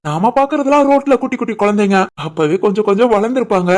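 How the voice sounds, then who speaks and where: Woman voicing a gentle heartfelt young husband. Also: medium pitch, lively intonation, quick pace, natural voice. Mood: wistful. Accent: Tirunelveli Tamil. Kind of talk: animated family story voice acting.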